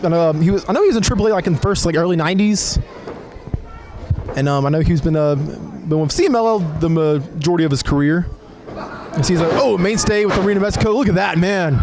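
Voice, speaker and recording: A man's voice: sits high, fairly quick. A man commentating live on lucha libre wrestling as an announcer, in a conversational, hesitant way with admiring exclamations. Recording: live event recording with crowd noise. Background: wrestling crowd.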